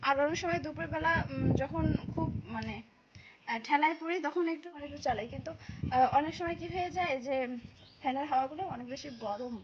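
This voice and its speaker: A young woman vlogger from West Bengal, India, chats casually to the camera in a soft, hushed voice, using lots of fillers and calling her viewers "guys." Her voice sits high and brisk as she films in and around a village home. The phone audio is dull and lo-fi, with faint noise.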